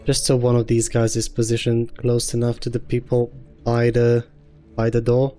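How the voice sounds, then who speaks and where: Calm man narrating his game tactics. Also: mid-range voice, moderate pace. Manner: calm, thinking aloud through tactics. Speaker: gaming channel host. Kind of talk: let's-play commentary. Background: game music.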